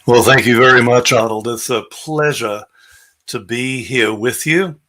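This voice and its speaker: A man from Southeast Asia giving an earnest, measured church presentation with slides over a video call. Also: mid-range voice, bright, forceful tone. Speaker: guest speaker, scientist.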